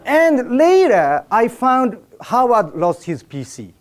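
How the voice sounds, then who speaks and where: Lively man with a Japanese accent. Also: very high-pitched, takes it slowly. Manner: animated, joking, directing the audience. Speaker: seminar speaker. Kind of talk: live seminar talk with audience participation. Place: seminar room with a live audience.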